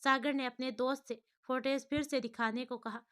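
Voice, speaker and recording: Woman telling a family story, high bright crisp voice, steady. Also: moderate pace. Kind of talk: storybook narration.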